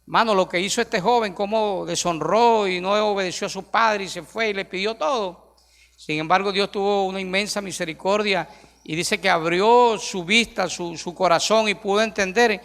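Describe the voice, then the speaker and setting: Preacher guy, middle-aged, gravelly voice, lots of emphatic questions at the church. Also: high voice, normal speed, a bit bright. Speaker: pastor. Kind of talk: sermon. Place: church sanctuary. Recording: long hall reverb.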